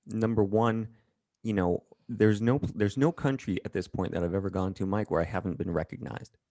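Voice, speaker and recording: A man talking as an interview guest, blunt and profane, telling animated stories in a casual chat. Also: fairly low pitch, moderate pace, no echo, studio quality.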